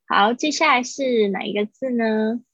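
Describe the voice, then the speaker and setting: Patient woman teaching pronunciation, slightly husky. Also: a little high, a bit bright, no room sound, dull audio. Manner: explains patiently, repeats words slowly for students. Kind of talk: livestream pronunciation lesson.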